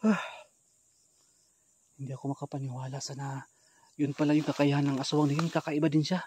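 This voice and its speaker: A man hosting a ghost-hunting vlog, talking straight to his viewers and swinging from hushed, nervous asides to loud, alarmed shouting. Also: on the high side, flat delivery, brisk, slight background noise. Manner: talks straight to viewers as "idol". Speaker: ghost hunter vlogger.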